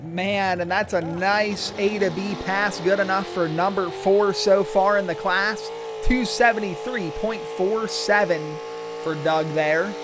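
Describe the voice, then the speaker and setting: High-voiced male tractor pull announcer over engine noise. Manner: calling runs, distances and driver introductions. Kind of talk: motorsport event commentary, tractor pull announcer. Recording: loud engine and vehicle noise. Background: vehicle and engine noise.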